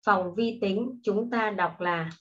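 A woman teaching a primary school English lesson online, explaining patiently and slowly to children. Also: medium pitch, a bit bright. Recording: dull lo-fi recording.

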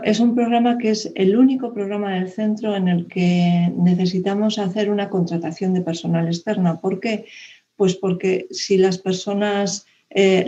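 A woman's voice: medium pitch, warm tone. Woman from on a dull video call. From Spain. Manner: hesitant, many fillers and restarts. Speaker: conference speaker. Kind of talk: online presentation talk. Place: room indoors, video call.

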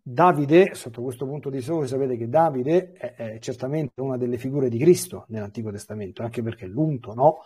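Priest teaching scripture, husky, mellow-dark voice, reads and explains with asides. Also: male voice, mid-range voice, fairly quick, few pauses. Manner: reads passages aloud with explanatory asides and fillers. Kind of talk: Bible catechesis, reading and explaining scripture.

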